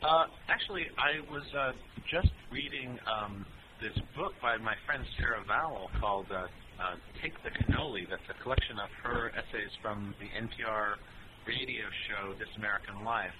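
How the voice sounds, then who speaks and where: A man in a band answering fan questions in a relaxed, rambling way with many ums and uhs. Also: lowish voice, normal speed, noisy background. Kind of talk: casual Q&A chat.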